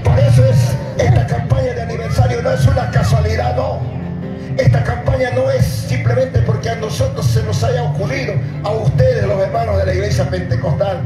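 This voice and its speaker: A middle-aged man preaching at night on an outdoor stage, speaking into a handheld mic, calling out to the congregation and shouting at the peaks. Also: very high-pitched. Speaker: pastor. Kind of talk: open-air sermon. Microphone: handheld mic through PA, filmed from far. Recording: echoey PA sound from far off.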